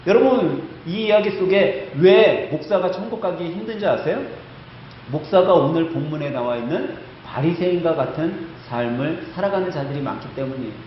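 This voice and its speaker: In a church sanctuary, a male pastor with a fairly high, animated voice preaches emphatically at a moderate pace, telling a story and posing rhetorical questions to the congregation. The echoey hall makes the sound slightly dull, with a little hiss or hum.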